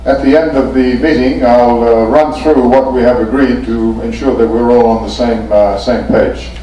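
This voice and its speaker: A man runs a formal meeting in a polite, measured voice, pausing often as he speaks. His tone is mellow. He sounds set back from the mic in an echoey conference room with a faint hum of ambience. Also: mid-range voice, fairly even intonation, far from the mic. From Fiji. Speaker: meeting chair.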